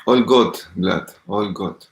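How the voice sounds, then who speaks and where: A meditation teacher, a man with a low voice and a gravelly edge, talks calmly and without hurry. He greets the people joining and eases into the session. The sound is roomy, with plenty of echo around him. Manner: calm, unhurried, greets viewers by name. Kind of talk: live-streamed guided meditation talk.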